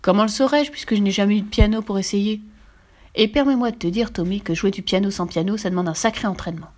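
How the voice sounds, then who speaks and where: A woman's voice: medium pitch, quick pace, a little mellow, close to an everyday voice. A woman voicing a cheeky, fearless little girl who tells tall tales, in a storybook read-aloud. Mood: bold. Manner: brash, playful, makes up tall tales.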